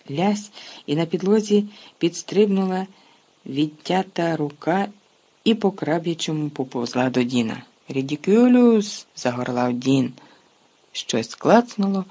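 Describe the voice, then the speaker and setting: Narrator, husky and breathy, mid pitch, expressive storytelling read. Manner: lively, expressive storytelling with sharp shifts in loudness. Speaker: audiobook narrator. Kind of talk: audiobook reading.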